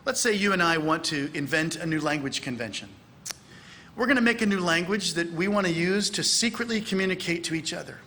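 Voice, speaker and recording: A man in middle age lectures a church audience from the pulpit. His voice sits high and bright, with a very lively, swinging pitch. He slips into acted-out dialogue, raising his voice for the quoted lines. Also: fairly quick, slight background noise. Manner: animated, acts out dialogue with raised voice. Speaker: speaker at a church conference. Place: large church hall.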